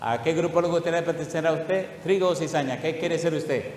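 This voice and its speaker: A male pastor preaching a sermon, asking the congregation question after question and drawing out scripture readings slowly. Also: a little high, darkish tone. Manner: asks the congregation repeated questions; slow, drawn-out emphasis on scripture. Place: church hall. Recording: echoey hall, faint room noise.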